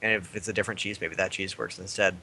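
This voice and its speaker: A man's voice: sits low, fairly even intonation, quick pace, bright, forceful tone, slight background noise. A man on a casual esports panel, explaining tactics in long runs with many "like" fillers. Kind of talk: casual esports analysis chat.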